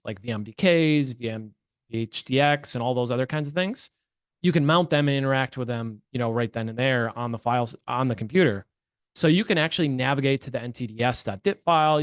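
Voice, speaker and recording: Guy doing a laid-back security webinar, chatty, restarts a lot, dry close mic, mid pitch. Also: no room sound. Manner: chatty, uses filler words and restarts, self-corrects often. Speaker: webinar presenter, penetration tester. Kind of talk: casual technical presentation.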